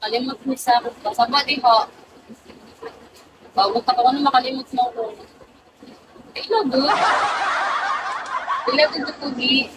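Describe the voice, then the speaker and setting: A woman's voice: high-pitched, steady tone, a little slow, pauses often, heavy background noise. Giggly young woman live-streaming. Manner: giggly, mixes English and Filipino. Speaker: livestream host. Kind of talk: casual live-stream chat.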